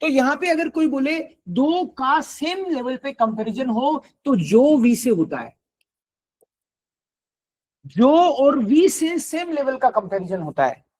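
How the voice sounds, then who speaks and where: A man's voice: very high voice, animated, slow, darkish tone, rough recording. A man teaching a German class, patiently explaining grammar and mixing in English words. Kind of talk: classroom lecture.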